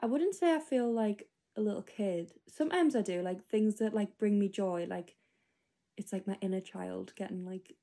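A woman's voice: medium pitch, moderate pace, gravelly, mellow. A 25-year-old woman rambling through a spoken diary entry, casual and full of fillers. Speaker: podcast host.

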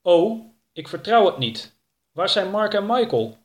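A man's voice: sits high, very animated, a little slow, pitched above the performer's own voice. A man voicing a careful, worried girl in a lightly raised voice.

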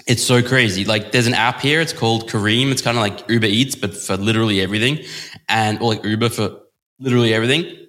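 A man co-hosting a casual podcast chat, rambling and relaxed, laughing easily. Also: lowish voice, fast talker. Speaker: podcast co-host.

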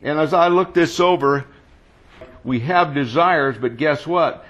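A man's voice: on the high side, a little slow, fairly bright tone, muffled recording. A man preaching a sermon in a conversational way, often asking the congregation questions and repeating words as he searches for phrasing.

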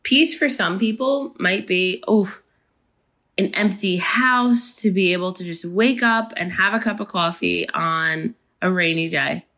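A woman with a raspy voice hosting a solo podcast, talking slowly and gently about finding inner peace. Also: mid-range voice. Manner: slow, gentle, unhurried delivery. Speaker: podcast host. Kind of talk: reflective solo podcast talk.

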